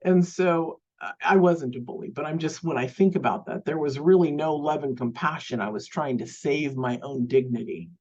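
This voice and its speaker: A woman teaching a live online self-love class, speaking gently and unhurriedly, often restarting phrases and using fillers. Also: sits low, normal speed, slightly rough, dull audio.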